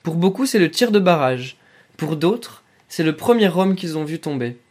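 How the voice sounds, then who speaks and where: A poised, brisk commander's wife presses everyone along with urgent insistence, as a man voices her in a storybook reading. The voice rises above the reader's own. She sounds sharp and quick. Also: fairly high pitch, animated.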